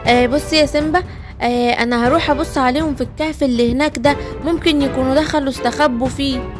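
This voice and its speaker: A woman's voice: high-pitched, fairly even intonation, fast, over music, natural voice. A woman with an Egyptian accent voicing a playful young female animal friend.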